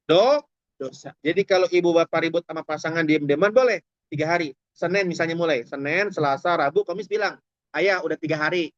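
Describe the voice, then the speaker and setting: In a dry, dull lo-fi recording with no room sound, a male Islamic preacher gives a funny, conversational sermon. His voice is high and a touch bright, and he addresses the audience directly.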